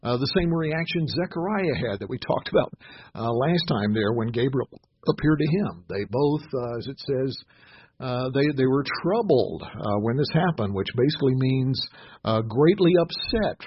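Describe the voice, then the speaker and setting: A man giving a sermon, often pausing with fillers and restarts, reading scripture aloud slowly and with emphasis. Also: mid-range voice, lively intonation, breathy edge, dry recording, lo-fi sound. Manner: halting, many "uh" fillers and restarts. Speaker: pastor.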